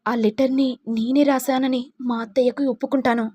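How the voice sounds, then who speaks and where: A grieving young wife who pleads softly, voiced by a woman storyteller, her voice fairly high. The sound is dry and close-miked. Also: flat delivery, moderate pace, slightly rough, no room sound. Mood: tearful. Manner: pleading, tearful. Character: tearful devoted young wife.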